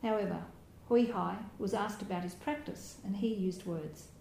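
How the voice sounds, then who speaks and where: A woman meditation teacher delivers a dharma talk in a gentle, reflective way, pausing to find her words. Her voice sits at an ordinary middle pitch. The recording carries a roomy echo and a faint hiss of background noise. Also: vocal fry. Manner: gentle, reflective, with soft laughs and hesitations.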